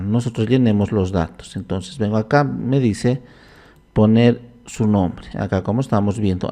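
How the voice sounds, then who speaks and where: A man walking through a computer program in a screen-recorded tutorial, talking his steps aloud in an unhurried way and often pausing on "entonces". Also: lowish voice, dark tone. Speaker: software instructor.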